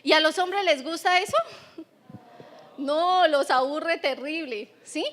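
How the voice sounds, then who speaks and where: A woman's voice: high voice, slow, fairly bright tone. A Colombian woman pastor in her thirties giving a chatty sermon in church, often checking in with the congregation. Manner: chatty, keeps asking the congregation "right?". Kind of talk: conversational sermon.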